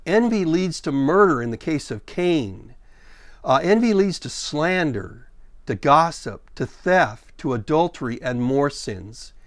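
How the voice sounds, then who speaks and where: A middle-aged man preaching a sermon, explaining scripture verse by verse and reading the quoted passages slowly and deliberately. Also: fairly high pitch, very animated, no room sound, clean studio sound. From born in Sudan, raised in Ethiopia and America. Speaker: pastor.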